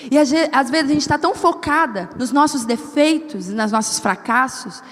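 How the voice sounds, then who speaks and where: A woman preaching a sermon at a women's service, telling personal stories in an animated way and acting out the dialogue. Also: high voice, normal speed. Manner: animated storytelling, acts out quoted dialogue. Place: church hall. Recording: church hall with long reverb.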